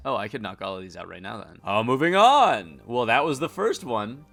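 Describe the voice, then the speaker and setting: A man doing reactive gameplay commentary as a streamer, wry and joking, quick to exclaim at the game. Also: lowish voice, lively intonation, creaky, a bit bright, faint music behind.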